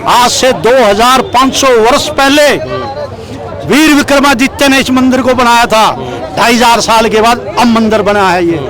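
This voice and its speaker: Very high-pitched man declaiming on the street. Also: moderate pace, poor audio. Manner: declamatory, emphatic, repeats phrases for effect. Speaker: street interviewee, political supporter reciting poetic praise. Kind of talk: impassioned street political oratory with rhymed verses. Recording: street recording with crowd and traffic.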